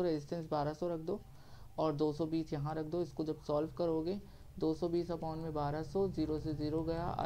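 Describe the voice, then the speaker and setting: A man's voice: on the high side, mellow. A male science teacher giving a classroom lecture, working through each step and answering his own questions as he goes. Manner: repeats "theek hai" to check understanding.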